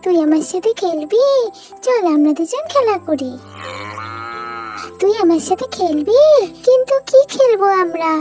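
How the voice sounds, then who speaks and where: A woman voicing a mischievous little child in a storybook doll story, calling out in a high, whiny way. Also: expressive, unhurried, pauses often, a little mellow, faint music behind. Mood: playful. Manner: high childish whining calls.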